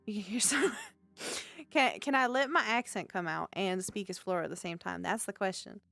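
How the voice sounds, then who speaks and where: A woman's voice: medium pitch, normal speed, vocal fry, a bit bright, dry recording. A woman with a Southern accent, chatting casually and playfully, giggling often. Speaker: streamer. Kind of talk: casual out-of-character chat.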